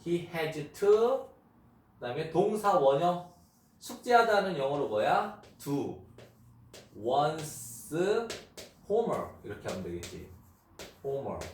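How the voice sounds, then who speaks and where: A man teaching English grammar to children, explaining step by step and repeating example phrases slowly. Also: on the high side. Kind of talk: unedited grammar lesson for children. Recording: echoey room, mic far off, faint noise.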